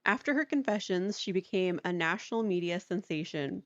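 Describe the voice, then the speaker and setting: A woman's voice: lowish voice, lively intonation, moderate pace, fairly bright tone, dry recording. A woman co-hosting a podcast, telling a story in a casual, chatty way with lots of "like" and frequent laughter. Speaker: podcast co-host. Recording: dry, dull lo-fi sound.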